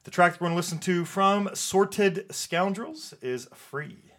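Guy hosting a music radio show, kinda high voice, loose and rambly. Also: unhurried. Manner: relaxed, rambling, with filler words. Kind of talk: casual radio chat introducing music.

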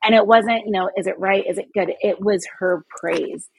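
A woman from California, a podcast guest telling animated personal stories in casual chat. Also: mid-range voice, moderate pace, gravelly, slight background noise, low-quality recording. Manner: animated, expressive storytelling.

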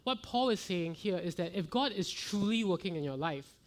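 Man, pastor, sermon, earnest, fervent rhetorical questions, fairly high voice. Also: lively intonation, moderate pace.

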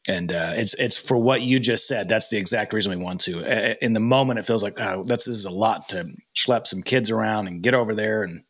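A man's voice: on the low side, a little fast, hardly any pauses, fairly bright tone. A man hosting a podcast interview, talking conversationally with plenty of fillers and short backchannels. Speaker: podcast host. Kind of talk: casual interview chat.

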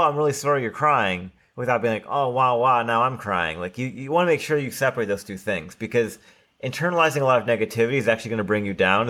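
Fairly low in pitch with a fairly bright tone, this podcast co-host chats casually, leaning heavily on fillers such as "like" and "right?".

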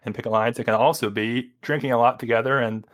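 A man's voice: mid-range voice, steady tone, fast talker. Man making dry, wry jokes. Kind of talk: casual political chat.

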